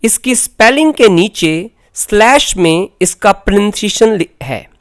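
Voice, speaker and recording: Woman teacher with an Indian accent, slow scripted lesson narration, plain mid-range voice. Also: medium pitch, lively intonation. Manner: slow, deliberate explanation. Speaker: English teacher.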